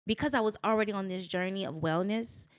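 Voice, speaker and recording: A woman guest on a podcast, telling her story in a casual, animated way and jumping into high voices when she quotes people. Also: quick pace.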